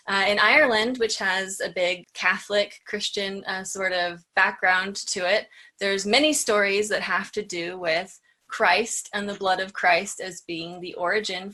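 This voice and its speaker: A woman's voice: mid-range voice, pushed and bright. A woman hosting an educational show, telling folklore in a chatty, casual way with light asides. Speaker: show host.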